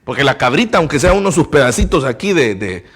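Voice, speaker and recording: A man preaching a sermon as pastor of a church, passionate, rising to loud emphasis and dropping to hushed tones, and asking his listeners rhetorical questions. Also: mid-range voice, big pitch swings, fast talker, husky. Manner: asks the congregation rhetorical questions.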